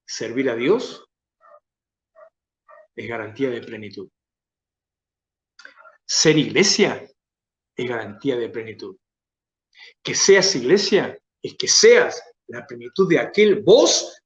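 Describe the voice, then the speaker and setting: Emphatic Argentine pastor preaching, roomy. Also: male voice, highs cut off. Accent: Argentine Spanish. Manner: emphatic preaching, swinging between raised, stretched phrases and soft low asides. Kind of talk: sermon.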